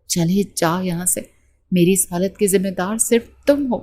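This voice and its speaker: Brief: bitter young wife, hysterical shouting, read by a woman narrator. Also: fairly low pitch, natural voice. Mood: furious. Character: bitter spoiled young wife, shrill and scornful.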